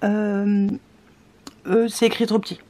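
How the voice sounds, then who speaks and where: A tired woman chats through a craft unboxing in a voice of middling pitch. She hesitates often, fills gaps with small sounds and pokes fun at herself. The tone stays casual and unhurried. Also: level tone, warm tone. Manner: hesitant, many fillers, self-deprecating asides. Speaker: scrapbooking vlogger.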